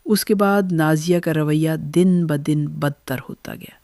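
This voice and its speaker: Older woman gently narrating her own story. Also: sits low, no echo, clean studio sound. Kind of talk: first-person story narration.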